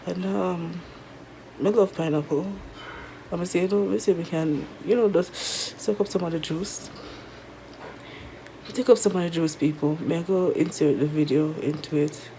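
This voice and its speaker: Jamaican woman, sore-throated after tonsil surgery, mellow. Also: fairly low pitch, moderate pace, slight background noise. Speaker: vlogger. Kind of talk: casual chat to viewers. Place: resting at home in bed.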